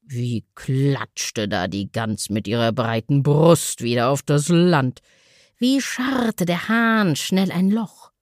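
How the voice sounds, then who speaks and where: A woman reading a fairy tale aloud as a storyteller, in an expressive, sing-song way. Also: a bass voice, slow pace, no room sound, clean studio sound.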